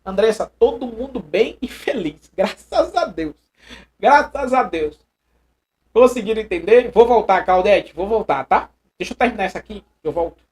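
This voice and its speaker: A man with a Brazilian accent teaching a live online exam-prep lesson, animated and chatty, repeating phrases and reading viewers' messages aloud. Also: extremely high pitch. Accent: Brazilian Portuguese.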